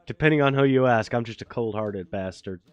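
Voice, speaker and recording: A man's voice: mid-range voice, brisk, no room sound. A man co-hosting a casual podcast chat with his brother, meandering and chuckling often. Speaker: podcast co-host.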